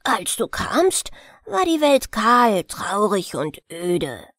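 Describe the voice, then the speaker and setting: A woman voicing a proud, eager male sunbeam in a storybook, speaking softly with some whispered words. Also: mid-range voice, big pitch swings, takes it slowly, dry recording, clean studio sound, full character voice. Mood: proud gentle.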